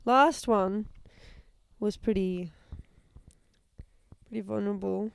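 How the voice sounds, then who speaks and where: Sick-voiced laid-back young woman, gravelly. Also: mid-range voice, fairly even intonation, slow, background noise. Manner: laid-back, swears freely. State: sick, hoarse voice. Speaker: podcast co-host. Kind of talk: casual chat. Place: outdoors, lying in a hammock.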